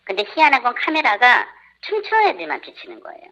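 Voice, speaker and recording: A woman's voice: huge pitch swings, fast talker, bright, forceful tone, dull audio. A woman speaking through a voice disguiser as an anonymous parent in a live radio interview, indignantly listing complaints point by point. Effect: voice disguised by a pitch changer. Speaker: parent of a camp participant.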